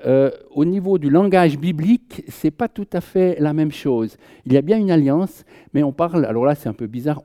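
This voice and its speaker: Guy preaching casually, very warm dark voice, chatty, lots of restarts. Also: fairly high pitch, smooth. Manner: conversational, jokes with the audience, many restarts. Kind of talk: informal Bible teaching.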